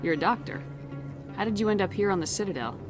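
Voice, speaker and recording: A woman's voice: medium pitch, animated, music in the background, lightly acted. An actress playing a decisive female military commander in a video game, cool, direct and authoritative. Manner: firm, brisk, authoritative.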